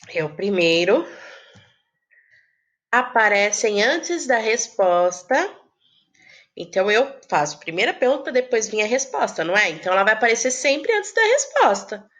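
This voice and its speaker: A woman teaching young children, speaking fondly and patiently as she walks through each point. Her voice sits a little high. She keeps asking questions and then answering them. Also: fairly bright tone, dull audio. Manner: affectionate, explains slowly with rhetorical questions. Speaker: primary school teacher. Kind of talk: recorded lesson for young children.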